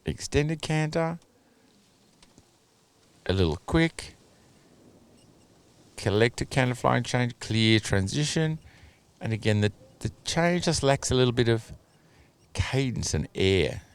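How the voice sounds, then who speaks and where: A man giving measured, analytical commentary on a dressage test over video, hedging his judgments with "you know" and "a little bit". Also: medium pitch, big pitch swings, clear, resonant tone.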